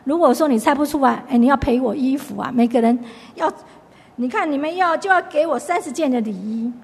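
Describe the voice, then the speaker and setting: A woman's voice: high-pitched, brisk, creaky, darkish tone, breathy edge, big-room sound. A woman giving a chatty Bible lesson, retelling the story and restarting her sentences often. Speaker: Bible study teacher. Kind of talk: conversational Bible teaching.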